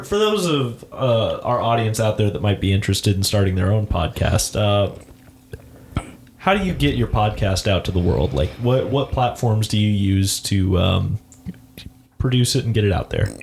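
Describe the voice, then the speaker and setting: A man's voice: lowish voice, lively intonation, unhurried, gravelly, slight background noise. A young man interviewing a guest, polite and hesitant, playing the straight man. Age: young adult. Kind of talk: improvised comedy interview.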